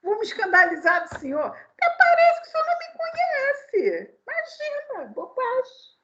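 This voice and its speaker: A woman voicing an indignant, boastful apostle who protests in a high, exclaiming voice. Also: wildly swooping pitch, normal speed, fairly bright tone, exaggerated voice. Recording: dull lo-fi recording.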